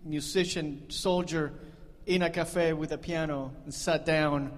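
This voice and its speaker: The reverb of a live concert hall surrounds a man leading a band as he jokes with the audience between numbers, laughing along at his own lines. His voice is on the high side, steady, and a little slow.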